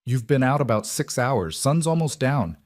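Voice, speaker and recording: A man playing a rough, gruff frontier farmer in a storybook narration, speaking earnestly. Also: mid-range voice, very animated, moderate pace, no room sound, clean studio sound, voice pushed up, natural voice. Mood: gentle.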